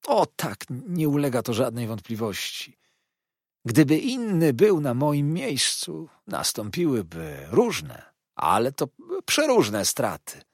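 A man's voice: mid-range voice, sing-song, measured pace, no echo, studio quality, pitched above the performer's own voice. Uriah Heep, a man doing a sugary fawning clerk. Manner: sugary, wheedling, obsequious. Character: fawning, sly young male clerk, falsely humble.

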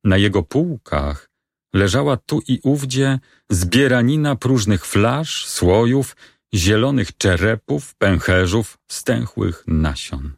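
A man's voice: sits low, gravelly, dry recording, studio quality, exaggerated voice. A man reading a brooding young lover in despair. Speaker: reader of a play. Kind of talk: dramatic reading of a stage play.

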